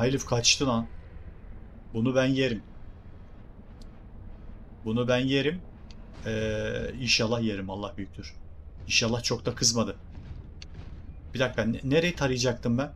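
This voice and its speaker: A young Turkish-accented man streams a game and jokes with his viewers in an excitable way. His voice has an ordinary middle pitch. A faint hiss sits under it. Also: normal speed, pauses often. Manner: excitable, jokey, talks to viewers. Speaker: gaming streamer. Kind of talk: game commentary.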